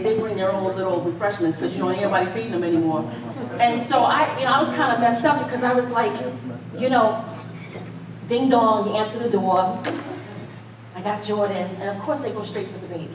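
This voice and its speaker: In this clip, a middle-aged American woman with a medium-pitched voice delivers an animated, conversational sermon with call-and-response. Folksy and emphatic, she talks directly to the congregation from an indoor church stage. Background noise comes from the echoey hall, the distant mic and a murmuring audience.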